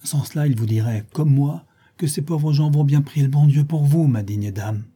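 A man's voice: on the high side, normal speed, dark tone, slightly rough, voice pushed up. A man voicing a gossipy, scheming old female concierge in a raised, chattering voice. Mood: pious.

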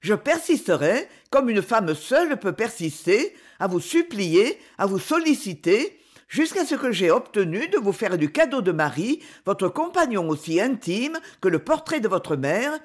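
A woman's voice: medium pitch, sing-song, unhurried. An intense, eccentric lady who pleads with fervour and lets her voice rise and fall freely, as a woman reads her part aloud. She speaks in an audiobook character voice. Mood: grave. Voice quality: fervent, pleading delivery.

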